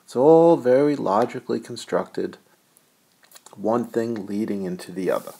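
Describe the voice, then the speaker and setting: A man's voice: lowish voice, a little slow, creaky, breathy edge. A middle-aged man, an economics professor, giving a recorded video lecture in a playful, jokey way. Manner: playful, animated, jokey asides. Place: US college.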